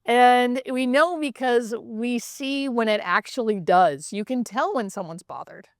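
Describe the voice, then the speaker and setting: A woman's voice: on the high side, unhurried, no echo, clean studio sound. A woman who works as a hospice nurse, explaining and telling stories in a casual, emphatic way, often checking in with the listener. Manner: animated, emphatic repetition, frequent check-in questions like "right?". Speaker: hospice nurse, interview guest. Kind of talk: casual conversational explaining and storytelling.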